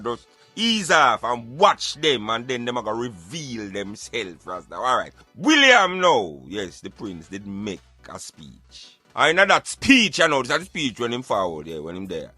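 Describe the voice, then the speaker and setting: A man with a Jamaican accent hosts a radio show, his medium-pitched voice pushed and bright with no room sound. He gives emphatic, colloquial satirical commentary in a conversational way, calling the listener brethren.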